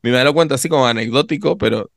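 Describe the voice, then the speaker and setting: A man co-hosting a podcast in casual chat, expressive and full of little tag questions. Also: mid-range voice, racing, creaky, dry recording, studio quality. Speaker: podcast co-host.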